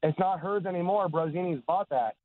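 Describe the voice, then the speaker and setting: Guy on speakerphone from his car, tinny phone line, kinda high voice, laid back, says man and dude a lot. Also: a little fast, no echo. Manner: easygoing, calls the host man and dude. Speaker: caller. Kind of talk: casual call-in chat. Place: car on the highway.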